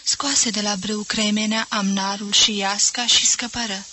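A woman reading a novel aloud as an audiobook, in measured, even storytelling. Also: mid-range voice, faint music behind, low-quality recording. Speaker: audiobook reader. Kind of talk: literary audiobook narration.

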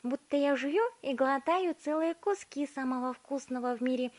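Woman doing a shrill bratty gum-chewing girl. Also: moderate pace, darkish tone, close to an everyday voice. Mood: bratty, greedy. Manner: shrill, demanding, smacking and humming while chewing.

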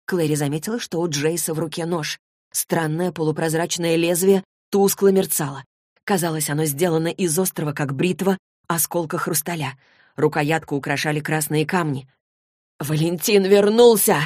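A woman narrating a fantasy novel as an audiobook, in an even, measured storytelling voice. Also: sits low, dry recording, studio quality.

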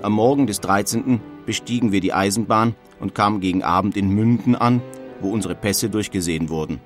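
In a radio feature dramatising historical letters, an actor voices a plain-spoken German emigrant earnestly reading his old-fashioned letter home. His natural, lowish voice moves briskly over faint music.

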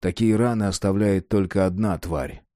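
A man narrating an audiobook in an expressive, dramatic reading style. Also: sits low, normal speed, no echo, studio quality.

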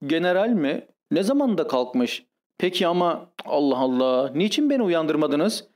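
A man voicing a sleepy, bumbling country gentleman who wakes in a panic, in an audiobook reading. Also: on the high side, sing-song, moderate pace. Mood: flustered.

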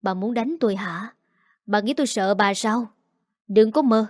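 A woman voicing a defiant, sharp-tongued young daughter-in-law who talks back in a cold, taunting way. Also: medium pitch, measured pace, no echo, clean studio sound, natural voice.

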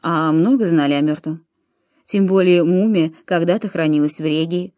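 A woman voicing an aging, weary Roman commander in an audiobook, speaking in a low, grave and reflective way. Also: moderate pace, dark tone, no room sound, studio quality, natural voice.

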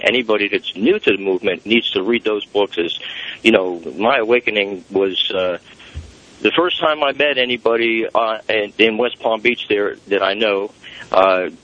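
A man's voice: fairly low pitch, a bit bright. Man rambling over the phone. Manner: rambling, with frequent "uh" pauses. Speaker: caller to a radio talk show. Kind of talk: casual call-in chat. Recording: dull, lo-fi phone line.

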